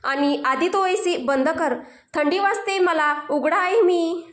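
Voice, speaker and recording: A woman voicing a hot-tempered young man who shouts insults indignantly. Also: very high voice, takes it slowly, echoey room. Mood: angry, indignant.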